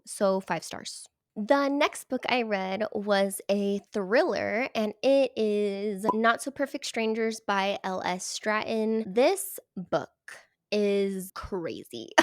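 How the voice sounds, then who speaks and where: A woman talking casually as a book reviewer, animated and emphatic, sometimes dropping into a whisper. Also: medium pitch, dry recording, studio quality. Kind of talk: casual chat.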